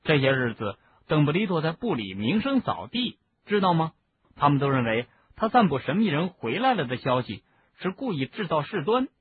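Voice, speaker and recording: A man reads an audiobook in the voice of a chatty teenage boy wizard who explains things at length. His voice runs on the high side with big pitch swings at a moderate pace, and the narrow, phone-like lo-fi recording carries a little hiss or hum.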